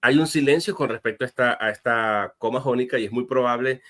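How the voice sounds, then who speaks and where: A pastor explaining a Bible question as an interview guest, earnest and step by step, with frequent fillers and restarts. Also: male voice, mid-range voice, brisk, a bit bright. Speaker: guest answering viewer questions.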